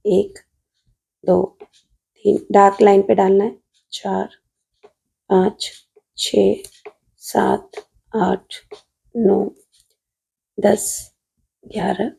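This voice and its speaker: A woman's voice: mid-range voice, vocal fry, dark tone. A woman math teacher with a Rajasthani Hindi accent, patiently solving an exam paper on video while writing at a desk and calling her students "beta".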